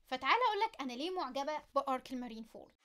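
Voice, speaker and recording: Excited anime fan host, woman, Egyptian accent; high voice, very rapid chatty delivery. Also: a little hiss or hum. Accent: Egyptian Arabic. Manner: chatty, playful, addresses viewer directly. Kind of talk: casual anime commentary to camera.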